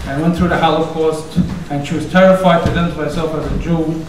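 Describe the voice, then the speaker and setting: Speaking fast in an even, fairly high-pitched voice, a man who organized the event opens the evening with a relaxed, meandering introduction that turns into a chatty story. A bit of hiss or hum runs underneath, and the distant mic captures the synagogue hall's strong echo.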